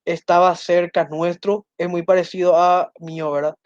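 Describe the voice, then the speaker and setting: A man teaching an online grammar lesson. He slows down to read out correct and incorrect phrases and keeps asking his listeners whether they follow. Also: sits high, little pitch movement, a little mellow, dry recording, highs cut off. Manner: often checks in with listeners, asking ¿verdad?.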